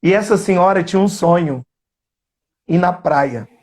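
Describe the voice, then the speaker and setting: A psychoanalyst with a Brazilian Portuguese accent, telling a patient's story in earnest during a live interview and slowing down to stress key words. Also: male voice, high voice, a little mellow. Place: remote live stream.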